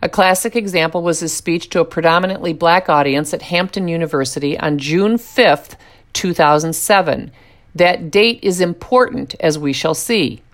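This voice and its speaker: A woman's voice: fairly low pitch, moderate pace. A woman reading scripted political commentary in a sarcastic, mocking manner.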